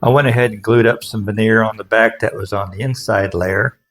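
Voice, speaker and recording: With faint music behind him, the craftsman, a furniture restorer who also teaches, walks through a task step by step in folksy, plain-spoken terms. His fairly low voice is steady and a bit bright, with a brisk delivery.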